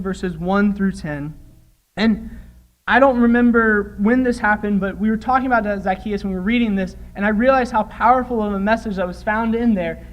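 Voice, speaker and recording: A man's voice: sits high, muffled recording. A young man preaching a sermon in church, reading scripture aloud and retelling it earnestly. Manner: earnest, acts out quoted voices while retelling.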